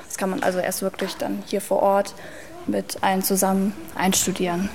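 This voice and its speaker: Woman, dancer, casual interview, explaining, conversational, mid pitch. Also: completely flat delivery, normal speed, vocal fry, darkish tone, a little hiss or hum.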